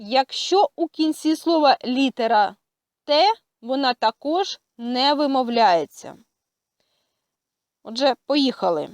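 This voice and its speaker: A woman with a Ukrainian accent teaching a language lesson, speaking carefully and pausing often with hesitant fillers. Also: high-pitched, expressive, no echo, clean studio sound. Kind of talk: slow spoken lesson.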